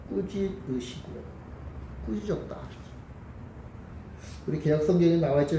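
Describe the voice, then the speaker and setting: A man's voice: on the high side, dark tone, a little hiss or hum. A man preaching a Sunday sermon as pastor, talking to the congregation and putting questions to them. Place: church sanctuary. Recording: echoey church hall with faint ambience.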